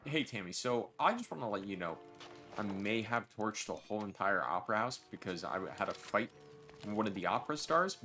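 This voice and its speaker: A man's voice: fairly low pitch, animated, brisk, sharp tone, soft background music. A man streaming a game, chatting casually and jokingly to his viewers. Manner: chatty, addresses chat directly, jokey.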